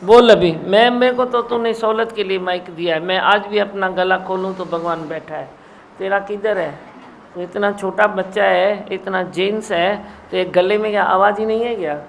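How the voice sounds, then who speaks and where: A woman's voice: mid-range voice, moderate pace, gravelly, a little hiss or hum. A woman guru gives a sermon, scolding and teasing her listeners and mimicking their mumbling. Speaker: spiritual guru. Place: satsang hall.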